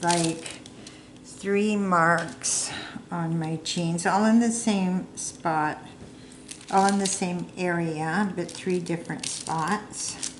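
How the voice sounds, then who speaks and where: A middle-aged woman chatting casually and rambling while she works on a craft project at home, sometimes putting herself down. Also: on the low side. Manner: rambling, chatty, self-deprecating. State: hiccups. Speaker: crafting vlogger. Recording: echoey room with clear background noise.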